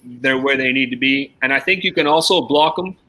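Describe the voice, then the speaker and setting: A man's voice: mid-range voice, brisk, bright, forceful tone, rough recording. A man who is a teacher, explaining online testing in casual chat on a live stream. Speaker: teacher guest.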